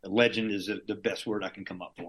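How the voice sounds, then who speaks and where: Speaking fast with fairly even intonation, this fairly low-pitched middle-aged man is a Green Beret veteran from Southern Louisiana. As an interview guest he spins casual stories, rambling along with frequent restarts and bursts of laughter.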